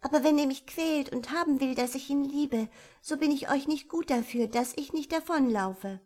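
A woman's voice: high voice, moderate pace, a little mellow, pitched above the performer's own voice, natural voice. A woman voicing a shy, tearful young girl who speaks out bluntly, in a storybook reading. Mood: sulky. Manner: childishly outspoken, whiny.

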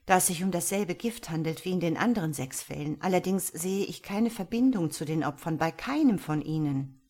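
A woman voicing a seasoned female police detective, speaking in a brisk, matter-of-fact way. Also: fairly low pitch, lively intonation, a little mellow. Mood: frustrated.

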